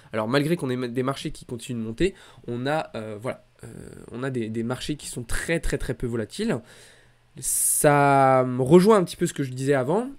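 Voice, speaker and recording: A man hosting a markets recap, speaking in a casual, conversational and hesitant way with repetitions. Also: medium pitch. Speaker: host of a weekly markets recap. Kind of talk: casual financial market commentary.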